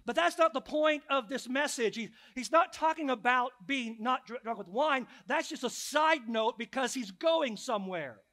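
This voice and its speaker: A middle-aged man preaching a sermon as pastor, emphatic, with repeated rhetorical questions that drop to hushed, quiet lines. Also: very high voice, animated, moderate pace, few pauses.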